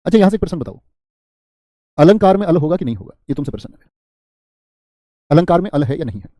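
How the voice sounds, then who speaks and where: A man's voice: on the high side, sing-song, fast talker, mellow, no room sound, studio quality. A man teaching an exam-prep grammar class live, repeating word lists, quizzing students and answering their chat comments with small jokes.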